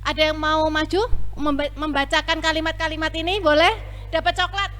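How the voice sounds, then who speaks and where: High-voiced bright woman trainer. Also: little pitch movement, a little fast. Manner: upbeat, coaxes the group to repeat aloud. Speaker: front office trainer. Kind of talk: lively training session.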